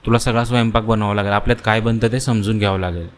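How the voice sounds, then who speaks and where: A man's voice: lowish voice, steady tone, rapid-fire, a little hiss or hum, lightly acted. A man doing a bossy, scolding mother-in-law. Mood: instructing. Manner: stern, scolding.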